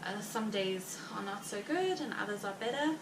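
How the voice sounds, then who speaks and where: She's a vlogger, very pregnant, talking loosely to viewers in a South African Afrikaans accent. The medium-pitched voice is picked up by a distant mic in a large room with continuous noise below it, and she wanders along with frequent fillers and short laughs.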